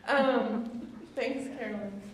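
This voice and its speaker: A woman's voice: on the high side, slow pace. A woman in her thirties with a Midwestern accent, giving a casual public artist talk, chatty and self-deprecating with many fillers. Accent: Midwestern American. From Indiana. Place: indoor event room. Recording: echoey room, faint noise.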